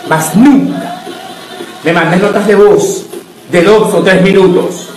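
A man's voice: high voice, slow, voice pushed up, rough recording. A man acting a scolding, snobbish man in a short comedy clip, lecturing in a vehement, ranting way. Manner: scolding, vehement, calls people chusma.

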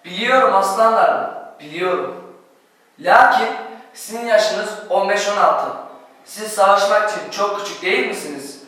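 Fatherly teacher, played by a man in a stage drama: bright, measured voice, distant in an echoey hall. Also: sits high. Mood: fatherly, grave. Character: fatherly male schoolteacher counselling his teenage pupils.

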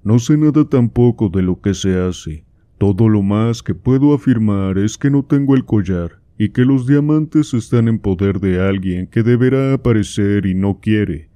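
A man's voice: fairly low pitch, a little slow, mellow, no echo, close to an everyday voice. A man reading aloud, voicing an anxious, pleading cardinal with an earnest, slightly raised delivery.

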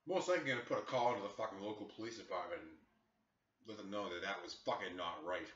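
A man's voice: on the low side, fast talker, a bit bright. A man telling an angry story in a rant from his small apartment, swearing heavily in an exasperated tone, on an echoey, distant, dull-sounding recording. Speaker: vlogger.

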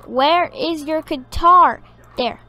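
A woman's voice: high voice, slow pace, bright, forceful tone, soft background music. A woman giving casual, rambling gameplay commentary, hesitating with many ums. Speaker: gaming video creator.

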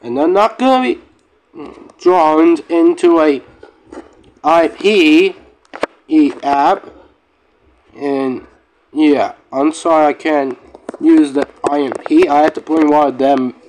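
A man making a casual vlog for his channel, talking in a halting, rambling way with frequent restarts and swearing. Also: a little high, darkish tone, a little hiss or hum, poor audio. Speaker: YouTuber. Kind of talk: casual vlog rant to viewers.

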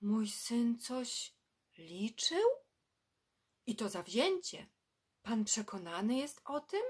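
A woman's voice: a little high, big pitch swings, takes it slowly, a little mellow, husky, heavily acted. Woman playing a frantic, worried mother. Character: frantic worried mother searching for her son.

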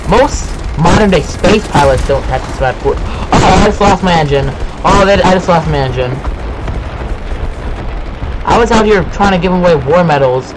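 Excitable man yelling over gameplay. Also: sits high, normal speed, noisy background. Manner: excitable, bursts into yelling and sing-song chants. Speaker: gaming video host. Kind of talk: casual gameplay commentary with a friend.

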